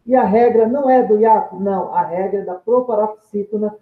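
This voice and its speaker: A man's voice: high voice, fairly quick. Man teaching grammar over tinny audio. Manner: explanatory, asks and answers his own questions. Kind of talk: video lecture. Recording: tinny phone-like sound in an echoey room.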